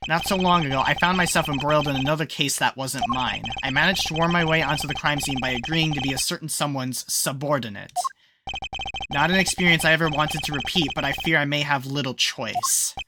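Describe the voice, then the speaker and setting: Woman playing a formal, low-voiced male prosecutor. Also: heavy background noise, natural voice. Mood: earnest, formal. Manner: measured, formal phrasing. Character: formal, reserved male prosecutor, stiff and proud. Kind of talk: live voice-acted read-through of a video game. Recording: loud music under the voice.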